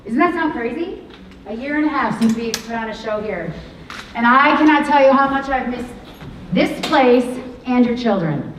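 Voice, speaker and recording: A woman's voice: on the high side, expressive, normal speed. A woman who is a drama teacher gives a rambling, enthusiastic welcome speech from a school auditorium stage. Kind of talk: welcome speech to a live audience. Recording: echoey hall, far from mic, faint hiss.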